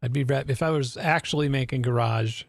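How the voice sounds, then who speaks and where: A man's voice: mid-range voice, fairly quick, dry recording. A man speaking as a guest in a casual livestream chat, laid-back and often trailing off.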